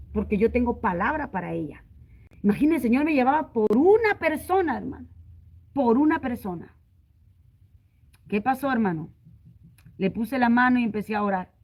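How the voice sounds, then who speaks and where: A middle-aged woman evangelist with a high voice delivers a testimony sermon. She tells the story in a lively, animated way and turns to her listeners as brother again and again. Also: breathy edge, rough recording.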